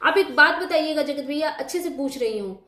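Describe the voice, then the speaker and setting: A woman's voice: high voice, expressive, moderate pace, bright, forceful tone, echoey room. A woman hosting a reaction video, arguing indignantly and speaking straight to the person she criticizes in casual commentary. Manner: indignant, argumentative, addresses her target directly.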